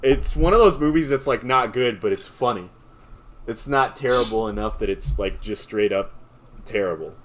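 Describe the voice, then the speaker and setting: A man's voice: medium pitch, expressive, normal speed, crowd noise. A young man co-hosting a podcast, chatting casually and laughing often as he rambles. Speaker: podcast co-host. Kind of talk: casual chat.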